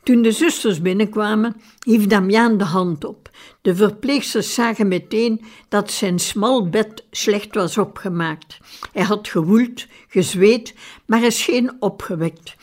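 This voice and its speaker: A woman reading a biographical story aloud in a calm, measured way. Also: mid-range voice. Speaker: narrator. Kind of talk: scripted audiobook narration.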